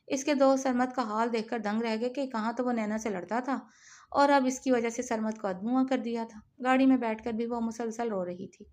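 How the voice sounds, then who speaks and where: A woman reading a dark romance novel aloud in steady, measured narration. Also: on the high side. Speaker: audiobook narrator.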